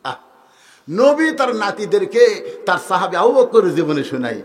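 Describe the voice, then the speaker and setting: Animated high-voiced man preaching a sermon. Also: moderate pace, a crowd in the background. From Bangladesh. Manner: animated storytelling, acting out characters with swings of pitch and loudness; joking, draws laughs.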